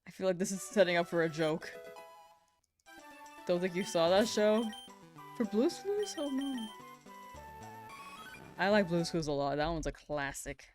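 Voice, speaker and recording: Laid-back woman streamer, low voice. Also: moderate pace, darkish tone, soft background music. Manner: laid-back, giggly, chatting with viewers while hunting in a game. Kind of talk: casual live-stream chat.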